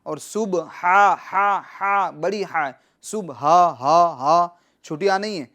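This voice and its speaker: A man teaching recitation on television, reciting words slowly and repeating them, then giving quick, quieter explanations of pronunciation rules. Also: high-pitched. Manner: repeats drills patiently.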